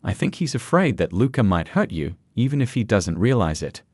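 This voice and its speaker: A man reading the lines of a gentle young woman who speaks softly and kindly. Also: on the low side, big pitch swings, fairly quick, husky, no echo. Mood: soft sympathetic. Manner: soft, sympathetic. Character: gentle young woman, caring daughter-in-law.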